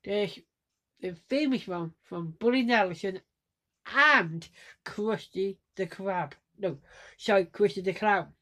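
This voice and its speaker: Slow, halting woman vlogger. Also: medium pitch, a bit bright. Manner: halting, repeats and restarts, demonstrates laughs. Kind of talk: casual vlog monologue.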